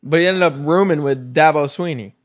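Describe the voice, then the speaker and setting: A man's voice: a little high, brisk, dry recording, clean studio sound. A young man with an American accent, chatting casually about sports in bro-ish slang.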